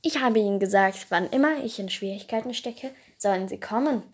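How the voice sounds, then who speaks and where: A woman's voice: mid-range voice, fairly quick, darkish tone, breathy edge, lightly acted. A woman voicing Shiny, a proud little fire lizard. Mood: defiant. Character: small proud shiny fire lizard creature, calm and stubborn.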